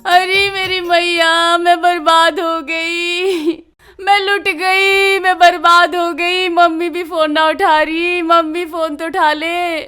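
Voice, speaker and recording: A shrill Haryanvi daughter-in-law. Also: female voice, normal speed, bright, forceful tone, soft background music. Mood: wailing. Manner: shrill wailing and scolding. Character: loud, quarrelsome village daughter-in-law.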